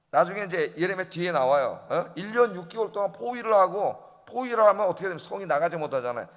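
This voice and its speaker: Emphatic pastor with a lively voice. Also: male voice, a little high, in a large hall. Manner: emphatic, asks the congregation questions. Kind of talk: dawn service sermon. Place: church sanctuary.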